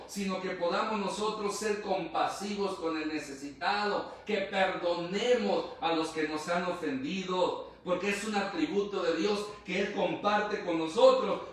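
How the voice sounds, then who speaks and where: A man preaching a sermon earnestly, often repeating phrases and speaking straight to his listeners. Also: high voice. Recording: very echoey room, voice far from mic.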